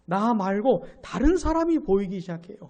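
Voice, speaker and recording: A pastor teaching scripture in an animated sermon. His voice swings up and down and jumps louder on key words, and he keeps repeating himself and asking the listeners whether they follow. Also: normal speed. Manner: animated, repeats phrases, asks listeners rhetorical checks; stresses words with sudden rises in pitch and loudness. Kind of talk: Bible exposition sermon.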